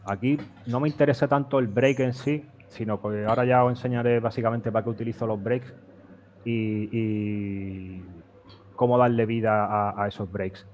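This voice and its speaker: A man casually walking through his music software setup, explaining step by step, with frequent fillers and restarts. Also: on the low side, fairly even intonation, normal speed, highs cut off, slight background noise. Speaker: guest music producer. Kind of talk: casual demo walkthrough.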